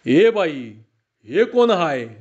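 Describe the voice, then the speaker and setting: A stern bandit chief snaps out threats in a hard, commanding voice, done by a male storyteller. The recording is muffled and lo-fi, and the voice sits fairly high. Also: big pitch swings, drawn-out words, darkish tone, heavily acted. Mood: harsh. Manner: harsh, threatening. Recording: dull lo-fi recording.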